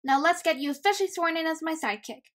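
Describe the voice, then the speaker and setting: A woman acting as a young girl vigilante in a comic dub. Her voice is high, and she talks in a blunt, confident, bossy and foul-mouthed way. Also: quick pace, a bit bright. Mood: earnest, bossy. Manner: confident, blunt, matter-of-fact.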